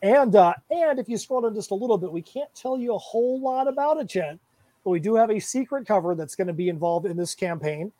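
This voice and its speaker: A man's voice: high voice, expressive, a little fast, mellow, dry recording. A man who creates comics, chatting casually on a podcast about his project, upbeat and rambling.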